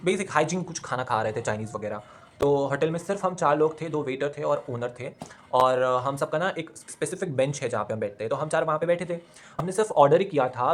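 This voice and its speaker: Fast-talking young man telling a story. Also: a little high, slight background noise. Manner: chatty, mixes Hindi with English phrases. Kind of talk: casual storytime vlog. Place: at home.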